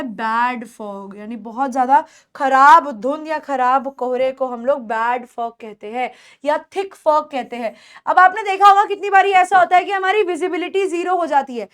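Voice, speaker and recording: Woman, high voice, unhurried, English teacher repeating words. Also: a bit bright. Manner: explains slowly, repeats words for pronunciation. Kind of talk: spoken English lesson in Hindi.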